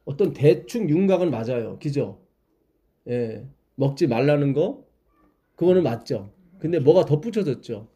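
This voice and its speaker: Bright-voiced man teaching a Bible study. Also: mid-range voice, animated, moderate pace. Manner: explains patiently, asks listeners questions.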